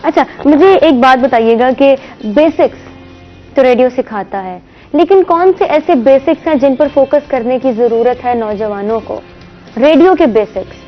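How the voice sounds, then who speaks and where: A woman's voice: sits high, animated, normal speed, muffled recording, soft background music. A woman with a Pakistani Urdu accent hosting a morning show, asking questions and affirming her guest often. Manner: affirming, frequent agreeing interjections. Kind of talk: interview.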